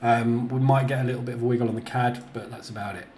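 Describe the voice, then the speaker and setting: Man, cave echo, bouncing bare office, halting talk with throat-clearing, faint room hum. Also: medium pitch, steady tone, darkish tone. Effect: cave-like echo from an empty room. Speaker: trading livestream host. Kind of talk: casual morning market chat. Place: near-empty office, just painted.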